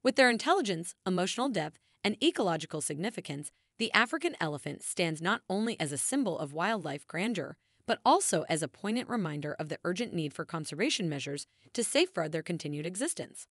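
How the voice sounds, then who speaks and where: A woman narrates in the manner of a nature documentary, scripted and formal. Her voice sits a little low, yet it rises and falls widely as she stresses grand phrases. The sound is dry, with very little room in it. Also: big pitch swings, fast talker, hardly any pauses, fairly bright tone, no room sound.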